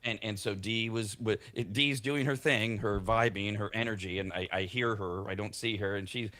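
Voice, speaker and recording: A man hosting a morning radio show, telling stories in casual banter with an animated style and many restarts. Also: fairly low pitch, normal speed. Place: radio studio.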